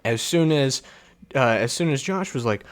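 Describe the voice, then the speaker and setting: A male host gives a casual solo movie review at an ordinary, mid-range pitch. He rambles in a chatty way, chuckles often and trips over fillers and restarts as he goes. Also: lively intonation, moderate pace.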